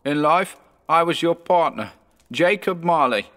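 A man voicing the ghost of an old miser in a read-aloud story, solemn and wailing, pitched well above his own voice. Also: expressive, a little slow, a bit bright, long reverb tail. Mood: mournful. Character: ghost of an old male miser, doomed and mournful.

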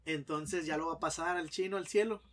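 A man's voice: a little high, a little fast. A man telling a long joke in a casual chat, acting out characters and sound effects. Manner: animated storyteller, acts out characters and sound effects. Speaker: podcast guest telling jokes.

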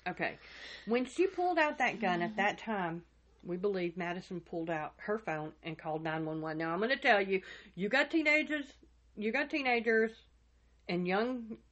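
A woman's voice: medium pitch, expressive, moderate pace, fairly bright tone, highs cut off. A woman hosting a true crime podcast, telling the story casually and acting out the quotes of the people in it. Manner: retells events with acted-out quotes.

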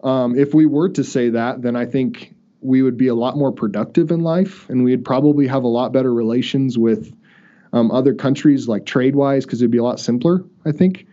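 A man's voice: mid-range voice, normal speed, mellow. A man hosting a casual podcast chat, rambling and chatty with many restarts. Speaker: podcast host. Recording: dull lo-fi audio.

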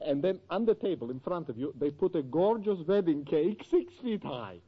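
Animated, theatrical Professor Kropotkin. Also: male voice, a little high, moderate pace, husky. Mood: affectionately teasing. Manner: theatrical, effusive. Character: flamboyant, wisecracking old European professor, fondly teasing. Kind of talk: 1940s radio sitcom acting. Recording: dull 1940s radio recording.

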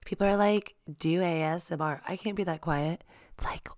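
A young woman hosting her own podcast at home, chatting in an excitable, rambling way with lots of asides. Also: on the low side, normal speed. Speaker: podcast host. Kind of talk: casual solo podcast chat. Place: home, child playing upstairs. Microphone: sensitive podcast microphone.

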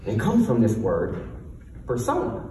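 Echoey, animated man with a lisp, w-like R's. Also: medium pitch, normal speed. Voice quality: lisp, cannot say R's, says w for r. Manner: emphatic, confident delivery with rhetorical questions. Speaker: motivational speaker, coach. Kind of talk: motivational stage talk with storytelling. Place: stage in a large echoing room before an audience. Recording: echoey hall from far off, faint noise.

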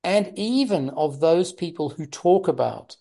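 A woman interviewer talking in a measured, discursive intellectual way, with formal vocabulary and qualifying asides. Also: on the low side, animated, creaky, mellow, husky.

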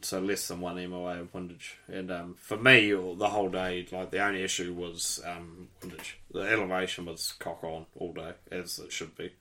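A man's voice: low-pitched, level tone, moderate pace, few pauses, pushed and bright. A man chatting casually as host, rambling through technical details and swearing now and then. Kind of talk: casual chat.

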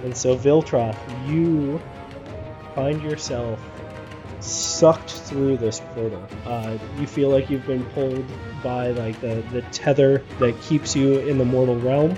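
A man's voice: mid-range voice, fairly even intonation, takes it slowly, highs cut off, music in the background. A man narrating a tabletop game scene to a player as game master.

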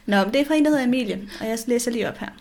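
A woman co-hosting a podcast in casual chat, friendly and relaxed, reading out listener messages. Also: a little high.

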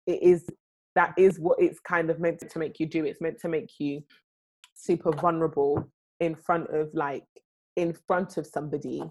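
Chatting casually, a young adult woman speaks at a moderate pace in a low voice. Animated and talkative, she strings together long runs full of fillers.

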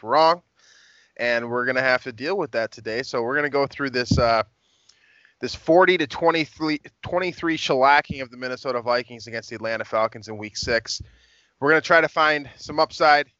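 Young male podcast host, bright and wry, rambling casual delivery, dry muffled mic. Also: medium pitch, smooth, dry recording. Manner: wry, rambling, frequent fillers and restarts. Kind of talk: casual sports podcast talk.

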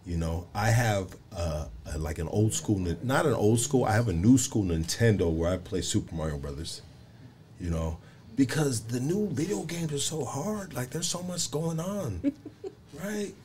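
Man, 40s, interviewer, halting, filler-heavy, lowish pitch, light background noise. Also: expressive, a little mellow. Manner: halting, tag questions, many fillers. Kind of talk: casual interview.

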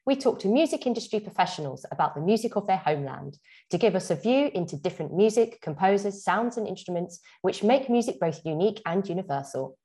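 A woman's voice: mid-range voice, expressive, fast talker, mellow. A woman hosting an arts podcast, reading a scripted intro and then asking chatty, enthusiastic questions full of fillers. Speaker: podcast host.

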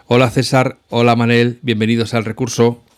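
A man's voice: mid-range voice, level tone, normal speed, clean tone. A man hosting a podcast, opening the show in a jokey, wordy way. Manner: jokey, wordy, playful introductions. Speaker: podcast host. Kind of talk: casual show intro.

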